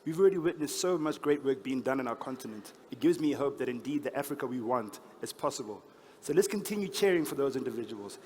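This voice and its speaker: On stage in a large event hall, a man with a lisp hosts an awards ceremony, teasing and joking informally. His medium-pitched, darkish voice is expressive and fast, and the echoey room carries noticeable background noise.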